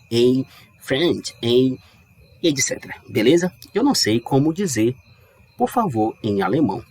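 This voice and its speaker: Male language teacher, husky voice, very lively intonation, casual and explanatory. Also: medium pitch. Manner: lively, chatty, stretches English words slowly to model pronunciation. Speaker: English teacher. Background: dog barking outside.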